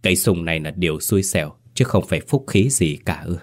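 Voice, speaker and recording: A man's voice: sits low, lively intonation, brisk. A man voicing a haunted, despairing old man asking himself anxious questions. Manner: anxious, brooding.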